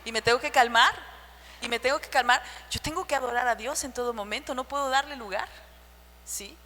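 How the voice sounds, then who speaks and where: A woman preaching a sermon to the women of her church, with a shrill voice, sharing personal stories and asking the listeners rhetorical questions. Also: brisk, pushed and bright. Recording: church hall reverb with faint hum.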